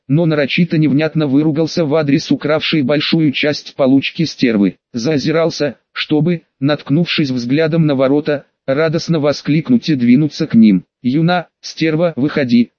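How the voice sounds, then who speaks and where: A man reading an audiobook in a measured, even scripted narration. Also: a little high, no room sound, highs cut off.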